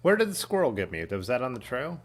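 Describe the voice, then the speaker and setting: A man hosting a live stream, chatting casually in a relaxed, jokey way and laughing often. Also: medium pitch, fast. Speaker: host. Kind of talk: casual chat.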